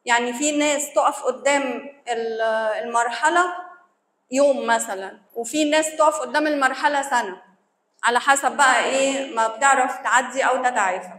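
A woman's voice: sits high, a bit bright, slight background noise. A woman with an Egyptian accent giving a conversational lecture to church servants, acting out the reactions of the people she describes. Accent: Egyptian Arabic. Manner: conversational, acts out quoted reactions. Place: church hall. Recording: echoey hall.

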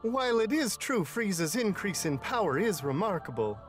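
Game angel: refined, formal, high voice with animated intonation. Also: male voice, moderate pace, faint music behind. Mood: serene. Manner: polite, formal. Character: refined, serene male angelic attendant. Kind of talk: video game voice acting.

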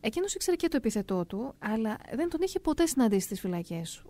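Warm, higher-voiced middle-aged woman storyteller. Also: sing-song. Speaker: narrator of a personal testimony. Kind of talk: first-person storytelling read aloud.

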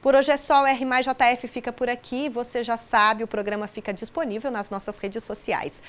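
A woman's voice: on the high side, flat delivery, normal speed. A woman in her thirties presenting a local news bulletin in a studio, upbeat and friendly.

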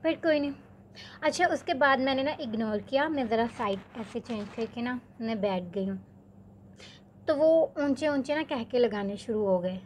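A young woman from Pakistan, telling a story to her vlog viewers in a chatty, animated way, full of filler words. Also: high-pitched, a little hiss or hum. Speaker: vlogger.

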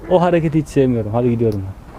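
A man's voice: medium pitch, lively intonation, fast talker, mellow, slight background noise. A man vlogging from outdoors in a zoo enclosure, chatting casually and soothing the animals as he films. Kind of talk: casual narration while filming animals.

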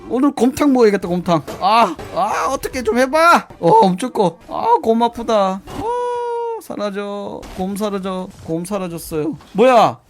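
A gameplay commentator giving excitable let's-play commentary, yelping and shrieking in panic and making playful jokes. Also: mid-range voice, unhurried, few pauses, faint music behind.

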